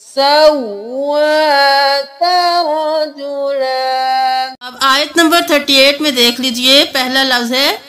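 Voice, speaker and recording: Woman recitation teacher, high-pitched and slow, spelling words out letter by letter before chanting them. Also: fairly even intonation, bright, forceful tone. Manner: spells letters and vowel marks slowly, then chants the words.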